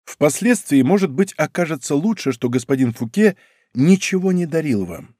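Brief: a man doing a sly middle-aged musketeer captain, persuasive, pitched up, with a very animated tone. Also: normal speed, no room sound, clean studio sound.

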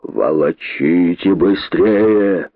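A man voicing a scornful, menacing old python king who talks slowly and hisses his threats. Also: lowish voice, no echo. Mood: commanding. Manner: slow, hissing, threatening. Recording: dry tinny phone-like sound.

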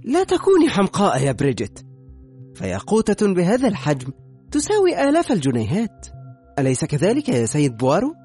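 A man voicing a brash young know-it-all who talks with lively scorn. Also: sits high, brisk, husky, faint music behind, pitched above the performer's own voice, full character voice. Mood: scornful.

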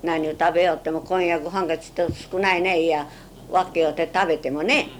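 An elderly Japanese woman speaks in a low voice with a western Japanese dialect. She reminisces plainly and haltingly, as an interviewee would, with a little noise on the recording. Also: steady tone. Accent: western Japanese, Chugoku dialect. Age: 70s or older. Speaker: oral history interviewee.

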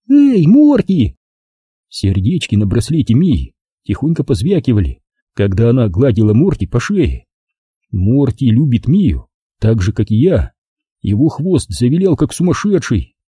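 A man reading a children's storybook aloud in the first person, expressive and lively. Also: medium pitch, husky, dry recording, clean studio sound. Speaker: audiobook reader. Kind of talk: storybook narration.

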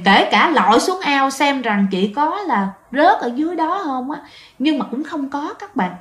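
A woman tells a ghost story in a chatty way, often turning to speak straight to her listeners. Her voice sits a little high. The recording carries a noticeable roomy echo. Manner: chatty, addresses listeners directly.

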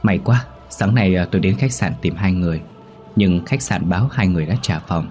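A man's voice: low-pitched, brisk, a little mellow, soft background music, lightly acted. A man voicing a polite adult man who speaks hurriedly with small hesitations, in a horror story reading.

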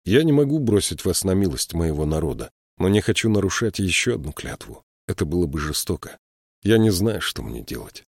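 A man's voice: low voice, brisk, vocal fry, slightly rough, no echo, studio quality, exaggerated voice. A man doing a stubborn little troll. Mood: weary. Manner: calm, firm, quietly resolute. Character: small stubborn male troll, principled and wry.

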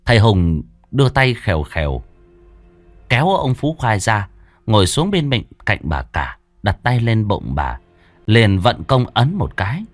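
Lively low-voiced male storyteller. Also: measured pace, dry recording, soft background music. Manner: dramatic, lively intonation. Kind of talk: scripted horror narration.

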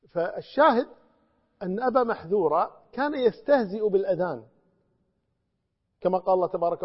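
A man's voice: high-pitched, slightly rough. A man with a Gulf Arabic accent teaching Quran commentary, explaining and reciting phrases with growing emphasis. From Kuwait. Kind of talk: religious lesson, Quran commentary. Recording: long reverb, dull lo-fi sound.

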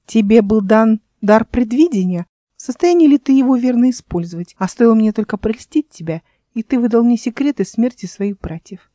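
A woman's voice: fairly high pitch, expressive, moderate pace, dark tone, no echo, clean studio sound, lightly acted. A woman voicing a scornful, scheming immortal young woman in a fantasy audiobook, in a mocking tone.

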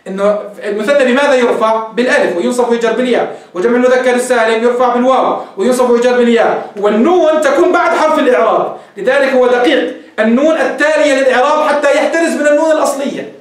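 A man's voice: very high voice, rapid-fire. A man teaching a grammar lesson, reading from a text and explaining it step by step in a mix of formal and colloquial speech. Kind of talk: recorded lecture. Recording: echoey room, distant mic.

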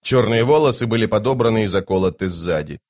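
Expressive male fantasy audiobook narrator. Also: lowish voice, quick pace. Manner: expressive storytelling.

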